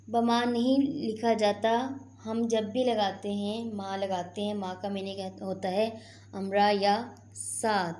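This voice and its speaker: A woman's voice: mid-range voice, a little mellow, reverberant. A woman teaching a class, patiently explaining and asking her students questions. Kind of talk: classroom lesson.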